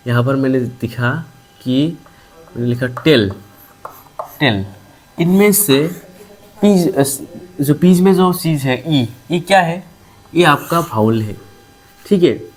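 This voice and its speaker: Slow, repetitive male teacher. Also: medium pitch, animated. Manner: slow, repetitive, asks and answers own questions. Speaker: English teacher. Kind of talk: classroom grammar lesson.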